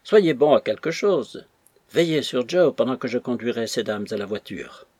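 An agitated young gentleman officer from a storybook, as a male narrator puts him on, urgent and commanding. The voice is raised and pitched above the narrator's own, with a husky grain. It sounds close and dry. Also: normal speed, dry recording, close to an everyday voice.

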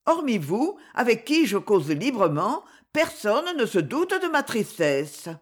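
A woman's voice: on the high side, sing-song, measured pace. A woman reading a storybook voices a sad, melancholy young woman in a wistful, downcast tone.

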